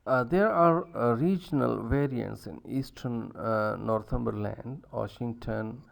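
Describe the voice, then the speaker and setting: Slow, hesitant male lecturer with gravelly voice. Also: mid-range voice. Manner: hesitant, many fillers and restarts. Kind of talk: university lecture.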